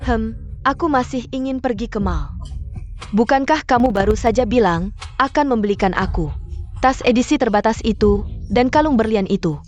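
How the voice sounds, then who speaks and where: A woman's voice: fairly high pitch, moderate pace, a little mellow, soft background music, natural voice. A woman dubbing a materialistic young woman who is cloying to her lover and spiteful about her ex. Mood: sugary. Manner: cloying sweetness, sneering in asides. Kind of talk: dubbed drama acting.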